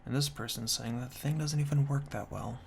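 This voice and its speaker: A man whispering softly and close in a binaural ASMR style, reading reviews and commenting in a dry, deadpan way. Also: brisk. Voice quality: hushed, breathy whisper mixed with soft low murmur. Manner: dry, tongue-in-cheek deadpan. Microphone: binaural microphone, very close to the ears. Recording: close binaural ear-to-ear mic, faint noise.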